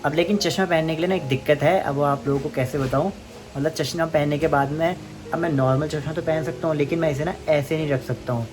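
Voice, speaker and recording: A man's voice: fairly high pitch, fairly even intonation, quick pace, over music. Chatty young man vlogging outdoors. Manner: chatty, leaning on fillers and loose restarts. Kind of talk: casual walking vlog. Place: outdoors in hill country.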